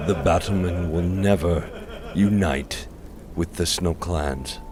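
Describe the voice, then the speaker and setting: An actor playing an arrogant, menacing warrior chieftain in a dark fantasy audiobook, with a hard, sneering delivery. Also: male voice, fairly low pitch, measured pace, a crowd in the background, natural voice. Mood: cold defiance.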